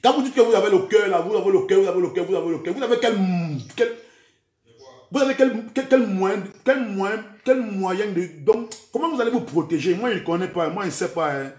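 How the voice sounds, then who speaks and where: Cameroonian man, Camfranglais-laced French, high voice, menacing social-media rant in a roomy echo. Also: brisk, darkish tone. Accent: Cameroonian French, mixing in Camfranglais. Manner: threatening, heated, keeps repeating "man" and "vrai".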